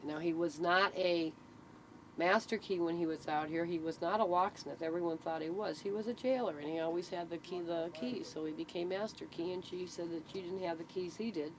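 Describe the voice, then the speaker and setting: Fairly low in pitch and a little fast, a woman's voice carries casual storytelling in an interview. The local storyteller explains matter-of-factly and checks the listener understands. Traffic ambience fills the noisy amateur recording.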